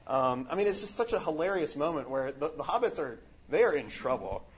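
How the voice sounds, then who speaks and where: A man's voice: a little high, very animated, brisk, breathy edge. A man giving a casual, earnest spiritual reflection on a book, rambling with many fillers and restarts.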